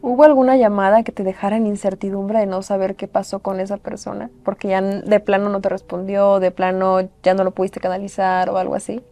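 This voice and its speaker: Woman host retelling spooky cases, mellow low-key voice, pretty flat. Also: fairly quick, few pauses. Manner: retells cases at length, engaged and curious. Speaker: podcast host. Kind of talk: interview chat about horror stories.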